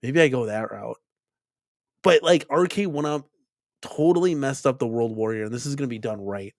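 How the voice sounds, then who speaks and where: A man's voice: medium pitch, moderate pace, dry recording, studio quality. A man hosting an arcade-collecting live stream, chatting casually and rambling, with lots of "right?" and "like" and repeated words. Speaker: arcade collector vlog host.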